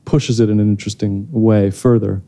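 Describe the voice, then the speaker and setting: A thoughtful man in his thirties answers audience questions after a film screening, often restarting his sentences. His voice is very dark and low, with an even, unvaried pitch, heard through a handheld mic on a theater stage. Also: brisk. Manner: thoughtful, hesitant, many restarts. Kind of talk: post-screening Q&A.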